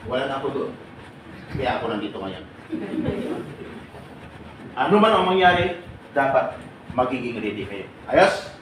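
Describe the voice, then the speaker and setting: Animated man in an echoey room. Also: medium pitch, measured pace, long pauses. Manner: animated, laughing, asks the listeners direct questions. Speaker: OFW advocate speaking to a group of workers. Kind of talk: lively talk to a live group. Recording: echoey room, mic far off, background noise.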